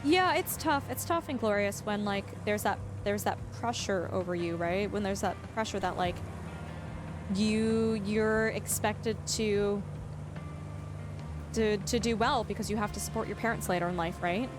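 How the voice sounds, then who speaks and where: Over music, a Canadian woman whose first language is English livestreams a game and chats casually with viewers. Her mid-range voice is unhurried, and she rambles, restarts sentences, and laughs easily.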